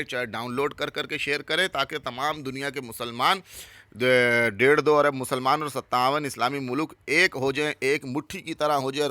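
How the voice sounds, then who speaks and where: A man with a bright, forceful voice talks earnestly and urges his audience on. He names one item after another and adds a short comment to each. The sound is close and dry, with no room echo. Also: mid-range voice. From Pakistan. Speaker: religious channel host. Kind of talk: informal explanatory talk.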